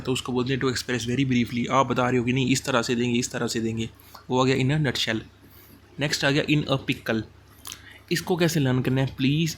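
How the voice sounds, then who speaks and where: A man teaching English idioms for an exam, explaining each in casual Hindi mixed with English and slowing down over the English phrases. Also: medium pitch, slight background noise.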